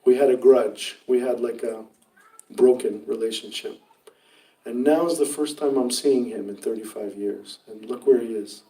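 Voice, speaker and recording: A big grieving older man speaks in heavy, regretful tones about a long grudge, as a priest quotes him in a sermon. The voice is mellow and set back from the microphone. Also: mid-range voice, steady tone, normal speed, recorded from a distance, voice pushed down, natural voice, low-quality recording.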